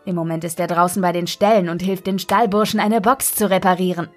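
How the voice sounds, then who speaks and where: A woman voicing a warm, welcoming housekeeper and cook at a castle school, friendly and cheerful, reading a storybook aloud. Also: on the low side, fairly even intonation, a little fast, faint music behind, lightly acted.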